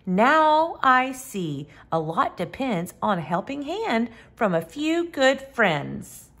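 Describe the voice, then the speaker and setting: A big, important dump truck from a storybook, acted by a woman. He declaims slowly in a high, expressive voice with a self-important manner. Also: full character voice. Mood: grateful.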